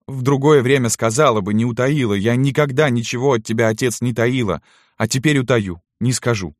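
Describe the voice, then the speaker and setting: A man's voice: medium pitch, a little fast, no echo, studio quality, voice pushed up, lightly acted. A man voicing a young peasant girl who speaks in a trembling, throaty voice, desperate and defiant. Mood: trembling defiance. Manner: trembling, throaty, pleading outbursts.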